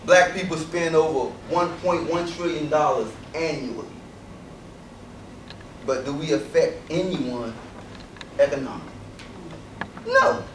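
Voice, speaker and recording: An invited speaker addresses a student audience in a university lecture hall, giving an emphatic speech full of rhetorical questions aimed at the crowd. His fairly high voice is a little slow, with long pauses. The recording is distant and echoey, with a little hiss or hum.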